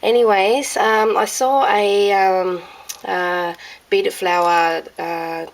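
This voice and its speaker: An Australian woman with a hoarse, croaky voice, chatting casually about her craft projects with many ums and restarts. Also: mid-range voice, steady tone, slow pace. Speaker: crafting vlogger. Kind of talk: casual show-and-tell chat.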